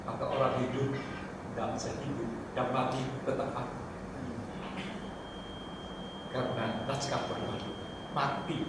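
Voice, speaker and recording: An older man, a pastor, teaching a seminar sermon who mixes English phrases into his talk and swings between loud emphatic bursts and quiet low asides, recorded from far off in a large hall. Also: little pitch movement, a little slow, long pauses. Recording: very echoey hall, distant mic, noisy.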